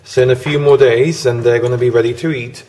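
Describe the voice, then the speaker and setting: With a dark tone and a fast pace, the Bosnian guest cook and orchid judge explains his casual kitchen demonstration step by step. His mid-range voice keeps fairly even intonation, recorded in a roomy space with faint noise.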